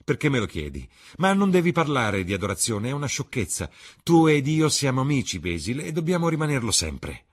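A man voicing a charming, evasive young man in an audiobook reading, lifting his voice higher and livelier than his narration. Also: fairly quick, hardly any pauses, slightly rough. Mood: light, evasive. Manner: bright, animated, higher-pitched delivery.

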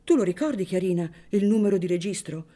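A woman's voice: medium pitch, expressive, fast talker, warm tone, voice pushed up, close to an everyday voice. A woman reading an audiobook, voicing a startled middle-aged former hatter who speaks urgently and insistently.

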